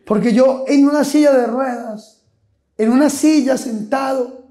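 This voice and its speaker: A man, a priest, giving a lively sermon with call-and-response, repeating his questions and shouting key words. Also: very high-pitched, unhurried. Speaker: priest preaching. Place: church or retreat hall with a congregation. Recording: echoey hall with crowd.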